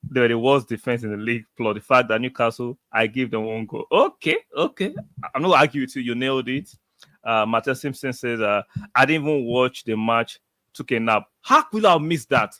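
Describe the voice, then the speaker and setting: A man's voice: mid-range voice, a bit bright, no echo. A man hosting a live football reaction stream, talking emphatically, repeating his points and reading out viewer comments. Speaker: football fan livestream host. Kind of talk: excited match reaction livestream.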